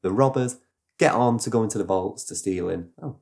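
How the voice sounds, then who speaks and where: A man retelling a story in casual podcast chat, animated and rambling, with sound effects. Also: lowish voice, brisk. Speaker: podcast host.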